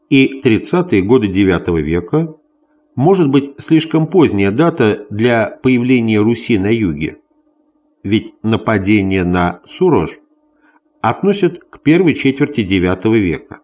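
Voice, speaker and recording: A man reading a scholarly history text aloud as scripted narration, in a deliberate, bookish manner. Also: lowish voice, darkish tone. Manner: deliberate, announces notes and quotations aloud. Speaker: audiobook reader of a history text.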